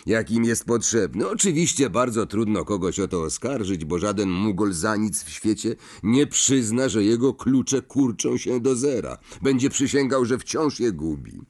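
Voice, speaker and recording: Man doing a weary, nervous wizard dad, storybook, lifted and animated. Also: lowish voice, moderate pace, hardly any pauses. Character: thin, balding, tired, kindly wizard father.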